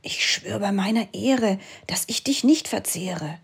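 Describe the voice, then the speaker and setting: A woman's voice: medium pitch, animated, a little slow, vocal fry, slightly rough, exaggerated voice. A woman voicing a weary, cold red fox in a rhyming storybook, growling and coaxing. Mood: pleading.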